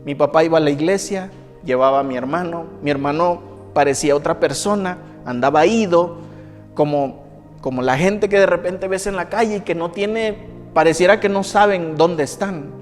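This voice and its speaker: A pastor with a high voice delivers a sermon, repeating phrases for emphasis as he tells a personal testimony. His voice rings with the long reverb of a church hall, and soft music plays faintly underneath. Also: normal speed. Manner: emphatic, repeats phrases for effect, acts out quoted people.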